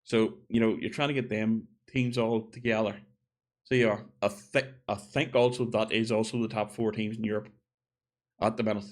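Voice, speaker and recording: A man's voice: fairly low pitch, level tone, normal speed. Chatty man thinking aloud. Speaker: gaming video creator. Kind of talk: casual opinion monologue.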